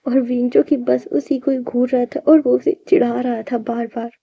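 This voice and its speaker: High-voiced woman narrating a story. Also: normal speed, creaky, no echo. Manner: lively, raises voice for quoted lines. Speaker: narrator of fan fiction. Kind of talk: storytelling narration with acted dialogue. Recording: dull lo-fi dry recording.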